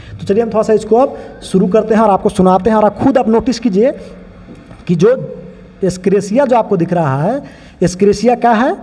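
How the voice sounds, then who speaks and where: A man's voice: high-pitched, warm tone, husky, long reverb tail. A man teaching biology, pointing out other teachers' mistakes in a critical, explaining way. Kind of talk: online lesson commentary.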